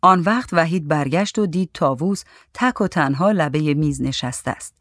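Storyteller, calm and even, mid-pitched, dry close studio sound. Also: dry recording. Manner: calm, even literary reading with light voices for adults. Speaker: narrator. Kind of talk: audiobook reading of a short story.

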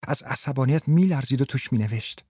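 Guy doing a jittery young wife in a storybook, pitch jumping up high, dry close sound. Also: lively intonation, warm tone, husky, dry recording. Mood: teasing, agitated. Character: agitated young wife, teasing then fearful.

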